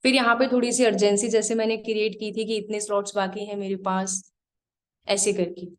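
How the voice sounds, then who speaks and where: Woman trainer giving direct step-by-step instructions. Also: a little high. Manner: direct, repeats points slowly for note-taking. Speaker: trainer teaching an online class. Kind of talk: live online class, instructing.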